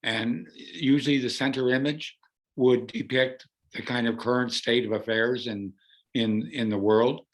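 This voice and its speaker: A Canadian artist, hoarse with laryngitis, earnestly explains his artwork over a video call. His voice is mid-range, steady and unhurried.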